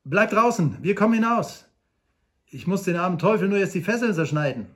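A man doing a high, eager little frontiersman. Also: normal speed. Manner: high, excited and boastful. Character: small eager helpful frontiersman, excitable, boastful.

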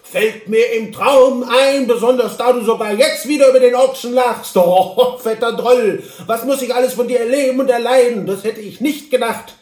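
A man voicing a quarrelsome, touchy little frontiersman with a Saxon accent, shrill and indignant. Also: moderate pace, hardly any pauses, a little mellow, reverberant.

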